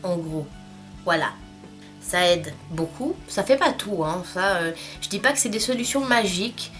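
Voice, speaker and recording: A woman's voice: lowish voice, animated, normal speed, faint music behind. A young woman, talking casually to camera in a vlog and filling her speech with "euh" and "bah". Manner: chatty, many fillers like "euh" and "bah". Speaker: vlogger.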